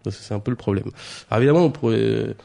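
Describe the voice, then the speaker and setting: Guy with a gravelly dark voice going over news items, lots of euhs and restarts. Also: lowish voice, fast. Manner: hesitant, many fillers and restarts. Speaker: news columnist. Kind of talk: radio press review.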